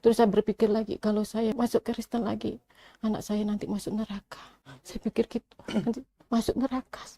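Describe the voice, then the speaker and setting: A woman's voice: fairly high pitch, flat delivery, fairly quick, warm tone, no room sound. A middle-aged woman telling her own life story in a casual way, acting out the arguments by quoting both sides. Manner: conversational, with many restarts and asides.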